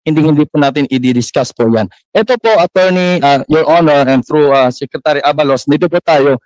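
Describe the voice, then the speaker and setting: A man's voice: a little high, a little mellow, no echo, rough recording. A man, a church minister, giving impassioned, deferential testimony at a formal public hearing. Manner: impassioned, deferential, heavy use of polite particles.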